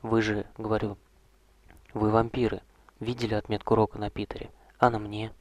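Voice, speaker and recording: A man voicing a despairing, self-loathing male necromancer king who pleads and shouts in anguish, with a husky voice. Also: lowish voice, level tone, moderate pace, no room sound, close to an everyday voice. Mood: accusing. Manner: anguished, pleading, raw and loud at times.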